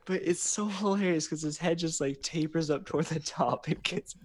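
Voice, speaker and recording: A man's voice: on the high side, normal speed, darkish tone, a little hiss or hum. A young man chatting as a podcast guest, laughing through his stories. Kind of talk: casual chat over a video call.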